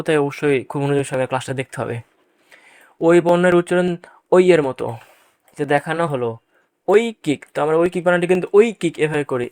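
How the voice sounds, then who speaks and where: A man's voice: a little high, clean tone, no echo, studio quality. A man teaching a pronunciation lesson to students, patiently repeating each example word and stressing the points that often come up in exams. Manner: addresses students directly, stresses what is important. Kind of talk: exam-prep lesson on Bangla pronunciation.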